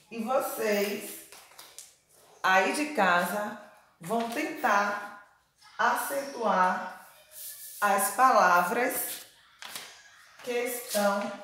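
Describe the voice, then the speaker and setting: A woman teaching young children, stretching out and repeating words in a slow, emphatic way. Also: medium pitch, a bit bright, slight background noise. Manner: slow, exaggerated pronunciation drilling words. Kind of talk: children's lesson. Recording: very echoey room.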